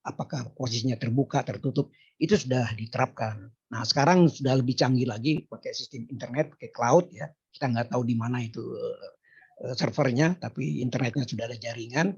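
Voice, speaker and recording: A hoarse man explaining technology in a discussion and asking a question, with frequent hesitations. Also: mid-range voice, a little fast, a little mellow, muffled recording. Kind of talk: casual discussion talk.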